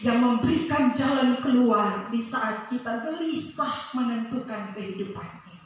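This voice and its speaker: High, bright woman preaching in an echoey hall. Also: moderate pace, a little hiss or hum. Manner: emphatic, rising into sung phrases and shouts. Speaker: preacher, pastor's wife. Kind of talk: sermon. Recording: echoey room, from a distance.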